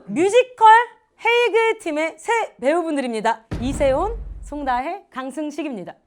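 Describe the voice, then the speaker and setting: A woman's voice: sits high, expressive, moderate pace, slight background noise. A woman in her thirties hosting a casual talk show, teasing her guests in playful banter.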